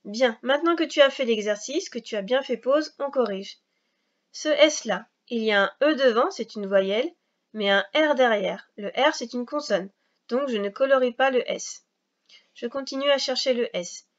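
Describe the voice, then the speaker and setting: Slightly high in pitch, a woman walks small children through a recorded reading lesson, going step by step with slow, patient explanations. The high frequencies are cut off in the recording.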